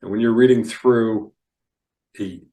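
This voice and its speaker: A man teaching Biblical Hebrew reading, slow and careful, enunciating each word. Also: on the low side, steady tone, dark tone, roomy sound, far from the mic, poor audio.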